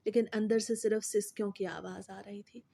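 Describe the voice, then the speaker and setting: A woman storyteller giving steady, scripted narration of a moral story. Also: mid-range voice, gravelly, husky, no echo.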